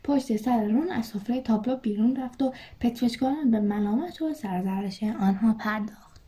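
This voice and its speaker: Mellow woman reading a storybook. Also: fairly high pitch. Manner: measured, expressive reading. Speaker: reader. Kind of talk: storybook narration.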